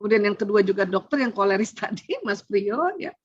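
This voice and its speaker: A middle-aged woman giving a parenting seminar, chatty and animated, laughing often. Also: medium pitch, fairly quick, breathy edge, dry recording. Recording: dull lo-fi sound.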